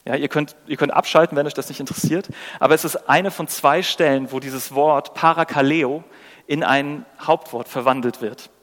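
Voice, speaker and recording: Male preacher, conversational sermon, fairly high voice, long hall reverb. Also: steady tone, normal speed, a bit bright. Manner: engaging, asks rhetorical questions, acts out quotes.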